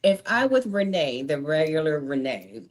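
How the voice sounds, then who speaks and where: A woman's voice: deep voice, sing-song, normal speed. Candid, laughing woman guest in her thirties. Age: 30s. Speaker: former wrestler, guest. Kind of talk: casual interview chat.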